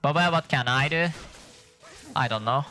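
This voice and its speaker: Man, gameplay commentary, sleepy, rambling, self-correcting, bright tone. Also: mid-range voice, moderate pace, faint music behind. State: tired from lack of sleep. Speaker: gameplay streamer.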